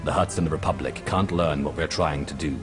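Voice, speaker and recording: A man with a rumbling low voice and a steady, brisk delivery voices a resolute, commanding lord in a video game cutscene, issuing urgent orders formally and with authority. Music plays clearly underneath.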